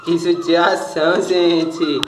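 A man's voice: a little high, flat delivery, slow pace. A man talking to his pet dogs in tender, pitying baby talk at home by a door. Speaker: dog owner filming his pets. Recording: echoey room, loud background noise. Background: dogs whimpering and barking.

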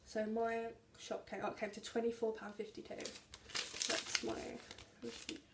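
A woman's voice: fairly high pitch, little pitch movement, moderate pace. A young woman chatting through a grocery haul vlog in a small home kitchen, reading out labels and calorie counts to a camera at arm's length. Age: young adult. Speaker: vlogger. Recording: echoey kitchen with background noise.

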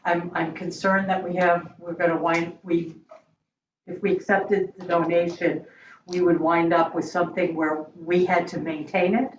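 A woman board member explaining her view at a meeting in a hesitant, halting, measured way. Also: lowish voice, level tone. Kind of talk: deliberative meeting discussion. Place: indoor meeting room around a large table. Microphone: far room mic on a video call. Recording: echoey room, distant mic, dull, faint noise.

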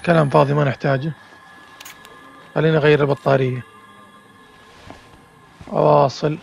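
Creaky-voiced man narrating a horror game. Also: fairly high pitch, little pitch movement, moderate pace, soft background music. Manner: talks himself through each step with nervous exclamations. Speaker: gamer. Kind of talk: horror game let's play commentary.

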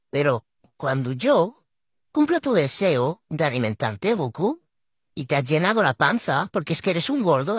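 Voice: mid-range voice, breathy edge, no room sound, studio quality. A vlogger speaking through a voice changer filter that swaps the apparent gender, scolding their pet to camera in an exasperated, mock-dramatic way. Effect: voice changer filter, gender-swapped sound.

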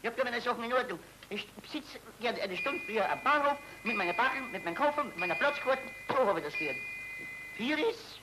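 A man's voice: very high voice, lively intonation, brisk, over loud music, low-quality recording. An anxious, fussy man; stammering, rambling, old-film comedy. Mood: fretful. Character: fussy flustered Austrian man, anxious about travel. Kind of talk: 1930s film comedy acting.

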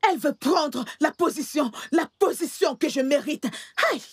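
A woman's voice: high-pitched, moderate pace, dry recording, studio quality, natural voice. A woman playing a scheming gang matriarch. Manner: proud, wailing, then coolly menacing. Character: scheming older female gang matriarch, reverend mother. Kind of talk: dubbed film dialogue.

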